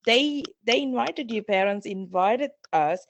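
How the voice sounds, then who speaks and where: A woman's voice: a little high, expressive, measured pace, muffled recording, a little hiss or hum. A middle-aged woman from Sri Lanka, a guest on a podcast interview, speaking in a reflective, earnest way and often restarting phrases. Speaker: guest, parenting coach.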